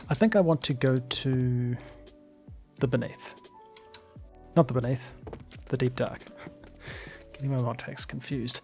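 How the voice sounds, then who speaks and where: Male let's player, a little hoarse, gravelly and relaxed, casual commentary over quiet music. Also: mid-range voice. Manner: chatty, thinks aloud with fillers and small laughs. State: slightly hoarse. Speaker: let's play gamer.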